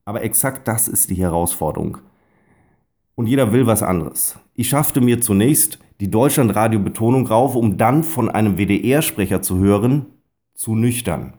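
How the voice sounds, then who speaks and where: A blogger and voice-over speaker in his thirties, with a Westphalian German accent, reads his own blog text aloud. His voice is fairly low, warm, and animated at a moderate pace, and he leans heavily on words in a wry, self-ironic style.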